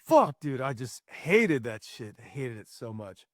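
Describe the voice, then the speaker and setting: A man's voice: medium pitch, measured pace, dry recording, studio quality. A young man, a former military mechanic, telling stories in casual podcast chat, swearing freely. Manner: profane, animated storytelling.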